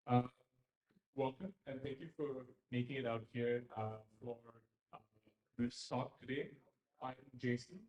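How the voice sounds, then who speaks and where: A man's voice: medium pitch, a little slow, pauses often, a little mellow. A man from Dubai giving a conference talk, hesitant with many fillers. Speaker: conference speaker. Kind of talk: presentation talk. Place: event venue. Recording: roomy event hall.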